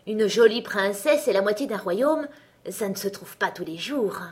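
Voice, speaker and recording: A woman's voice: medium pitch, lively intonation, normal speed, lightly acted. A woman voicing a boastful, cunning little male tailor in a read-aloud fairy tale, cocky and swaggering. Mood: pleased.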